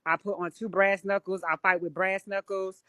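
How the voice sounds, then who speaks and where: Her voice sits mid-range with little pitch movement, a bit of brightness, and a moderate pace. She's a woman on a live stream, recorded by phone or webcam with no room sound, telling blunt, swear-heavy stories in casual conversation.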